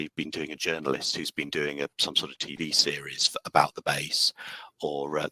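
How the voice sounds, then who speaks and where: A man, a game designer chatting in an interview, animated and acting out quotes as he talks. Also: rumbling low, no room sound, rough recording. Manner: animated, acts out quotes, frequent restarts. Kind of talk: enthusiastic interview chat.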